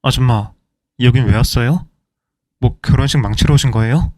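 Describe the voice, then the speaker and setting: A man's voice: medium pitch, moderate pace, a little mellow, dry recording, natural voice. A man playing a young groom who speaks curtly and coldly dismissive to an older woman. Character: cold, insolent young groom.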